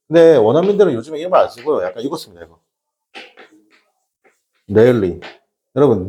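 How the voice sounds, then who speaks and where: A middle-aged man lectures a classroom of students on English grammar, joking and constantly checking that they follow. His pitch swings widely from line to line, and his tone is warm and mellow. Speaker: English teacher.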